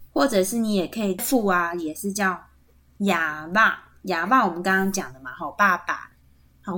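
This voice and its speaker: A woman's voice: medium pitch, fairly bright tone. A woman with a Taiwanese Mandarin accent hosting a podcast language lesson, patiently explaining words and spelling them out letter by letter. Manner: frequent tag particles seeking agreement. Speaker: podcast host teaching Atayal kinship terms.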